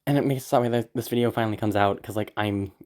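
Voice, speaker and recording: Speaking casually to listeners, an audio creator uses a mid-pitched, slightly mellow voice and talks fast. She rambles and hesitates, sounding anxious and apologetic while swearing casually. Her throat seems tired and sore from being ill.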